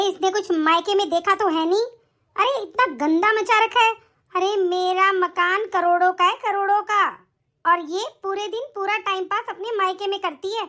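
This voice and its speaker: In an animated story, a woman with a very high-pitched voice plays a harsh, bossy middle-aged mother-in-law who taunts and scolds.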